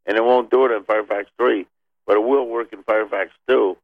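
A man calling in to a radio show over the phone with a tech question. He talks in a hesitant, halting way and fills his pauses. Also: lowish voice, fairly even intonation, no echo. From Penfield, New York. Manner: hesitant, halting, many filler sounds. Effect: caller heard over a phone line. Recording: dull lo-fi phone line, dry.

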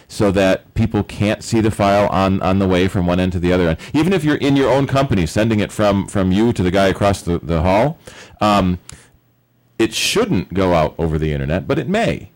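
A man co-hosting a radio show, explaining technical matters in a casual, measured way. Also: lowish voice. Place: radio studio.

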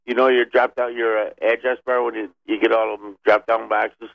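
A man calling in to a radio show over the phone with a tech question. He talks in a hesitant, halting way and fills his pauses. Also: lowish voice, flat delivery, vocal fry, no echo. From Penfield, New York. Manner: hesitant, halting, many filler sounds. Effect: caller heard over a phone line. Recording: dull lo-fi phone line, dry.

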